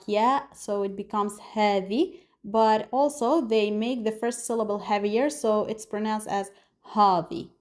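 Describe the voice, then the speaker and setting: A woman's voice: mid-range voice, darkish tone. A woman from Lebanon with a Lebanese accent, teaching a beginner language lesson, patiently explaining and repeating words for learners to copy. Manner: addresses viewers as "guys". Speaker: Arabic teacher.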